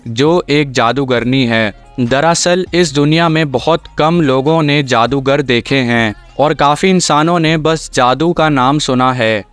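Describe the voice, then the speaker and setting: A man narrating an anime episode recap in a steady, scripted storytelling way. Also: mid-range voice, clear, resonant tone. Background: faint music.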